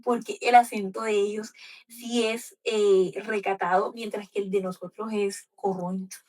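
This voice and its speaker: A woman's voice: mid-range voice, fairly even intonation, measured pace, darkish tone, distant mic, poor audio. A woman from the Colombian Caribbean coast with a coastal accent, hosting a book club discussion in a passionate, argumentative way. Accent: Colombian coastal Spanish. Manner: passionate, argumentative, many fillers.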